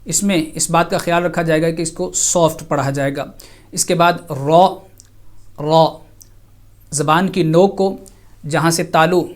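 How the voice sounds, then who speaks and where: A middle-aged man teaching Quran letter pronunciation in a televised lesson, speaking slowly and carefully and repeating each letter sound. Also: on the high side, steady tone.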